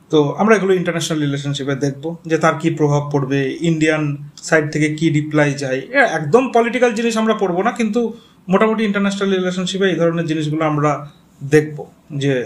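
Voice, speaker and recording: Talking fast but pausing often, a Bengali-accented teacher with a fairly high voice delivers a geography lecture aimed at exam students. He explains step by step, spells names out and checks in with the class.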